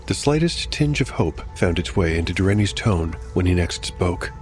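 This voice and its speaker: Expressive and darkish in tone, a man with a very low voice narrates a fantasy tale as game master at normal speed. His scripted, dramatic delivery sits over faint music.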